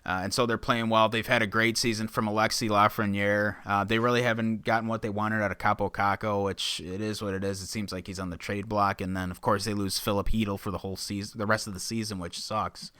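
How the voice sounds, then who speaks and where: A man's voice: lowish voice, little pitch movement, a little fast, few pauses, bright, forceful tone, clear, resonant tone, dry recording. A man co-hosting a casual sports podcast, laying out points and steering the talk. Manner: steers the conversation, lays out points. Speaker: podcast co-host.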